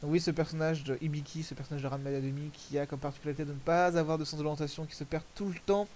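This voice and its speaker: A man's voice: a little high, steady tone, very fast, a little mellow, slight background noise, low-quality recording. Rambling man giving casual commentary. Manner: rambling, self-correcting, crude slang. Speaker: commentator reviewing fan music videos. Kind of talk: casual commentary over video.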